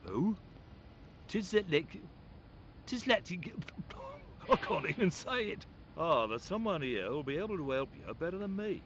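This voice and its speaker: A man's voice: fairly high pitch, measured pace, background noise. A man voicing a chatty, folksy museum guard with a British accent in a video game. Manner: lively, folksy, deferential. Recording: dull game audio with loud music.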